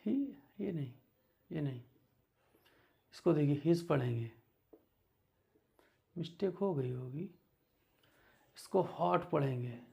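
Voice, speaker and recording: A man teaching beginners English words, slowly and patiently repeating each word. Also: on the high side, gravelly, a little mellow.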